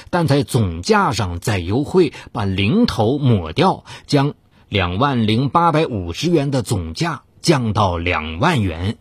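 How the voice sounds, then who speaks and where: A man narrates a dramatized true-crime story theatrically, building suspense with swings in pitch. His voice has a breathy edge, and the recording is dry.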